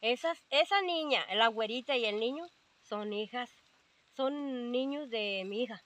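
A woman's voice: on the high side, a little slow, a bit bright. An older woman with a Mexican accent, telling her story in a rambling way with many fillers, quoting what others said. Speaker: interviewee. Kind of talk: casual storytelling.

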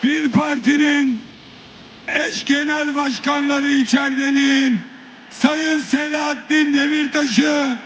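A man's voice: very high-pitched, fairly even intonation, slow, background noise. Man speaking at a podium microphone. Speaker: party official addressing a congress. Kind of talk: political rally speech.

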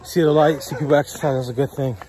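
A man's voice: medium pitch, quick pace, slight background noise. A man, a father, vlogging a family walk in the woods; he talks jokingly and sounds out of breath. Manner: jokey, animated, teasing. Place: outdoors in woods.

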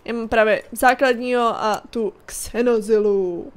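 A woman's voice: a little high, fairly even intonation. Chatty young woman explaining a game. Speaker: gaming channel host. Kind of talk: casual let's-play commentary.

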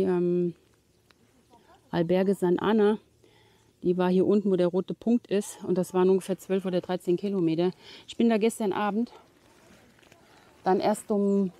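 Slightly out of breath on a forest hike, a middle-aged woman vlogs casually to the camera at arm's length. Her mid-range voice is mellow, and she rambles along with frequent fillers and laughs.

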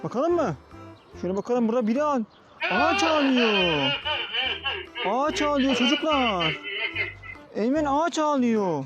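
A man's voice: very high voice, animated, a little fast, long pauses, lo-fi sound, loud music behind the voice. A father playing with his young son in a family vlog, talking in a coaxing, repetitive, playful way.

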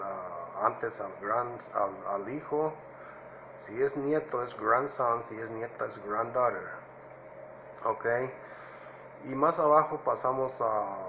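A man explains vocabulary at an unhurried, deliberate pace, stopping often to check that his viewers follow. His voice sounds bright and crisp. The audio is a little dull, with a faint hiss behind it. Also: mid-range voice. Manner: slow, explanatory, with many fillers and checking "¿ok?". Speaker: English teacher and channel host. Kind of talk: casual lesson.

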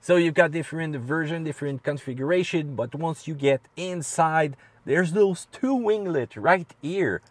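A man with a French Canadian accent hosting a casual car review, playful and quick to laugh as he questions his co-host. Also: on the high side, no echo.

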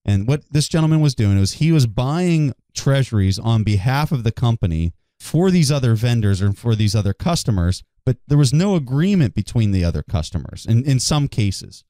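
A man's voice: medium pitch, very animated, normal speed, few pauses, mellow, no room sound, clean studio sound. A man co-hosting a podcast, telling stories in an enthusiastic, emphatic way during a casual discussion. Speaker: podcast co-host.

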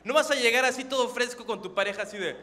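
A young man from Acapulco doing stand-up on a theater stage with a dry, deadpan, self-deprecating delivery. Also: very high voice, quick pace, big-room sound, a little hiss or hum. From Acapulco, Mexico. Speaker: stand-up comedian. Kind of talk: stand-up comedy. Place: theater stage before a live audience.

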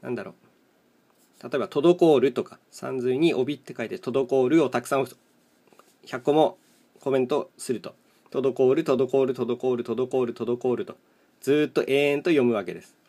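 A man with a mid-range, somewhat dark voice talks at a normal speed while he plays. He's the host of a solo mahjong chat video and a live streamer, rambling casually over the tiles and thinking aloud in brief, matter-of-fact fragments.

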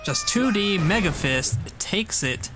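A man doing live play-by-play commentary on a fighting game tournament, jokey and excitable, munching on food as he talks. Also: high voice, slow. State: eating while talking. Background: music playing behind.

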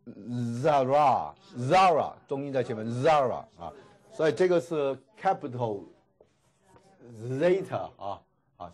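A man teaching a classroom lecture, repeating each word slowly and filling pauses with drawn-out particles. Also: mid-range voice, darkish tone. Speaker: Greek language teacher. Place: classroom with students.

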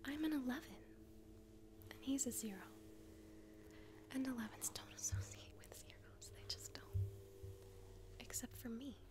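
A woman's voice: sits high, unhurried, long pauses. Woman acting a whispering bitchy valley girl, whispered role-play. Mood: smug, self-satisfied. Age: 20s. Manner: valley girl drawl, condescending, peppered with "like". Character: bitchy, vain valley girl getting a friend party-ready. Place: small quiet room indoors, on a couch.

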